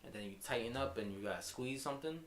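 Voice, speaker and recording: A man in casual podcast chat who talks haltingly and sometimes loses his train of thought. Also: medium pitch, lively intonation, a bit bright, reverberant.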